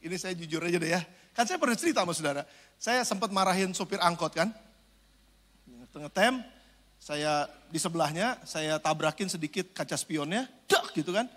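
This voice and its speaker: A man preaching as a pastor, animated and joking, swinging between loud preaching and quiet asides. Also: high voice, normal speed. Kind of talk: sermon. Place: large church hall. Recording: reverberant church hall.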